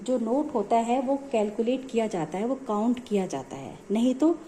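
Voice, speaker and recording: A woman's voice: fairly high pitch, animated, moderate pace, dark tone, a little hiss or hum. A woman music teacher explaining notes step by step in a patient, repetitive way. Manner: patient, explanatory, repeats points.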